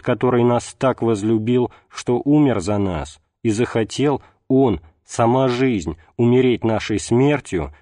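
A man reading a religious text aloud as an audiobook narrator, in a measured, unhurried way. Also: mid-range voice, mellow, no room sound, studio quality. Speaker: audiobook reader.

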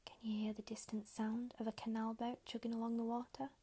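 A woman whispering a slow, soft guided meditation close to the mic, giving calm step-by-step instructions. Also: a little high, a little hiss or hum.

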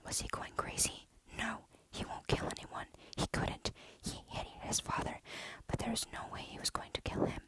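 A storyteller reading a dark horror story aloud in a steady, hushed whisper. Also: moderate pace, few pauses.

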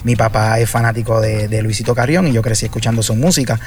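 A man's voice: fairly low pitch, fairly even intonation, quick pace. A man from Puerto Rico with a Puerto Rican accent, a salsa singer telling stories as a guest in a casual interview, full of fillers and restarts. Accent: Puerto Rican Spanish. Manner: chatty storyteller, many fillers and restarts.

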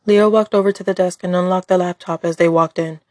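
A woman's voice: fairly low pitch, steady tone, fairly quick, a little mellow, no echo. A woman reading scripted story narration as the narrator.

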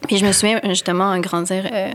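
A woman's voice: mid-range voice, fast talker. Laughing young woman. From Quebec, Canada. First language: Spanish. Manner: animated storyteller, laughs often, mixes French and English. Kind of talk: casual chat.

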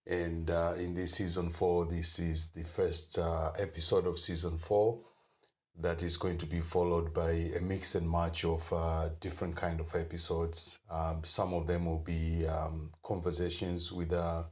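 A man hosting a podcast, introducing it alone and pausing with many ums and uhs. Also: sits low, flat delivery. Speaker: podcast host.

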